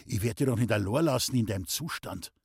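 A man voicing a young man with a Bavarian accent, speaking softly and reassuringly to a sick old man. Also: on the low side, expressive, quick pace, gravelly, husky, no room sound, studio quality, exaggerated voice. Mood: hushed, caring. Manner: soft, hushed, reassuring.

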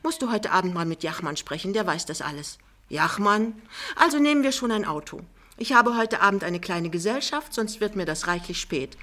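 A woman's voice: medium pitch, expressive, moderate pace, bright, forceful tone. A woman reading an audiobook, voicing a vain, thrifty middle-aged mother with a gushing, bossy and theatrical manner.

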